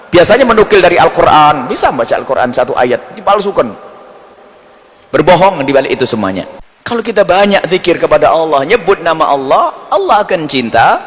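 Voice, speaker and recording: Animated preacher, lively high voice. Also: male voice, big-room sound. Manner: animated, mocking asides and acted quotes. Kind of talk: sermon.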